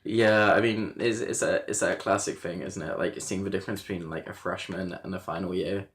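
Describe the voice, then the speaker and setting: A man's voice: low-pitched, a little fast. A man in his twenties, a podcast host, chatting casually and laughing often as he tells stories. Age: 20s. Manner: laughs often, animated storytelling. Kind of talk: casual chat.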